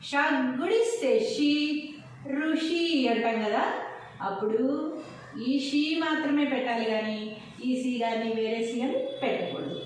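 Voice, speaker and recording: A woman's voice: a little high, animated. Patient woman teacher, echoey room. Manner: slow, patient, sing-song recitation. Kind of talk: teaching a Telugu alphabet lesson. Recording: very echoey, distant room mic with faint noise.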